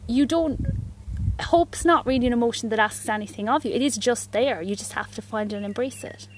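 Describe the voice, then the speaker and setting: A woman's voice: on the high side, brisk. Irish woman, podcast co-host, reflective casual chat and poetry reading, noisy recording.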